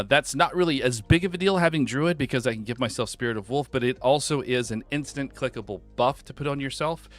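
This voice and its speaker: A man's voice: medium pitch, a bit bright. A man hosting a game live stream from home, chatting casually and greeting viewers by name.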